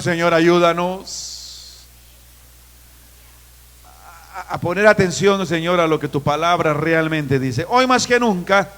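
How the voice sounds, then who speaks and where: High-voiced man preaching in a reverberant church. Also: fairly bright tone, clean tone. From Guatemala. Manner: emphatic preaching with drawn-out phrases. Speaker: pastor. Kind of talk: sermon. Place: church sanctuary. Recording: long reverb of a church hall.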